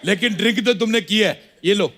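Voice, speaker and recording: A man's voice: sits high, brisk. Joking man playing a fake doctor. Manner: mock-serious, joking. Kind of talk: comedy sketch acting. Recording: loud studio audience and noise.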